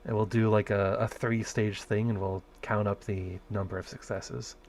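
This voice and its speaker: A man's voice: fairly low pitch, flat delivery, normal speed, a little mellow. A man narrating a tabletop game as game master, hesitant, restarting phrases and counting dice aloud.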